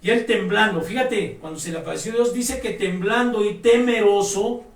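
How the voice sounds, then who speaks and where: High-voiced preacher in an echoey room. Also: male voice, moderate pace. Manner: emphatic, exhorting, addresses listeners directly. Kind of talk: sermon. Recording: echoey room, mic at a distance.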